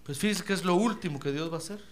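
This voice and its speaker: A man preaching an animated sermon, often calling the listener brother. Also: high voice, rapid-fire, slight background noise. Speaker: pastor.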